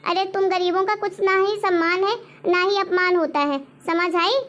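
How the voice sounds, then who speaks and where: The lo-fi recording captures a woman's very high, slightly bright voice, fairly even in intonation and at normal speed. She acts as a harsh, stingy mother-in-law in a homemade family web drama, scolding and taunting her daughter-in-law while repeating demands.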